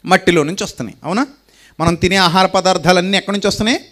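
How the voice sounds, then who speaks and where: Male preacher with a high voice, who presses the point with repeated questions. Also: racing, fairly bright tone. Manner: rhetorical questions, repeating lines for emphasis. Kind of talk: sermon.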